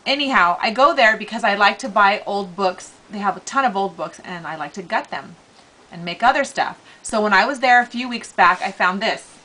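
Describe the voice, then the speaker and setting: A middle-aged woman chatting casually to camera as a vlogger, with an animated, gushing, informal way of talking. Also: medium pitch, moderate pace, rough recording. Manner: animated, gushing enthusiasm, informal slangy wording. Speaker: vlogger hosting a giveaway.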